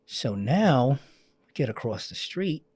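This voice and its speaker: Animated male firefighter telling a story. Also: mid-range voice, takes it slowly, slightly rough, dry recording. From Queens, New York. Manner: acts out voices in his stories, repeats "I kid you not". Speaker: firefighter guest. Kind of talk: animated storytelling in a radio interview.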